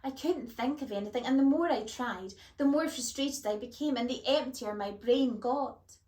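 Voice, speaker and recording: Shy little vampire girl, soft and unsure, voiced by a woman, roomy sound. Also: sits high, moderate pace, lightly acted. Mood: hesitant. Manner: hesitant, soft. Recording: roomy echo.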